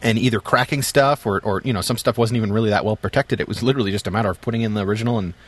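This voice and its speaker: Low-voiced joking man reminiscing. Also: very fast, husky. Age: middle-aged. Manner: storytelling, joking, many fillers. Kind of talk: casual chat.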